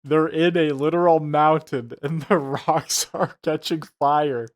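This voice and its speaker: A man's voice: on the high side, steady tone, unhurried, a little hiss or hum. A man giving a casual, mocking reaction commentary, profane and incredulous in his delivery. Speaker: reaction show host.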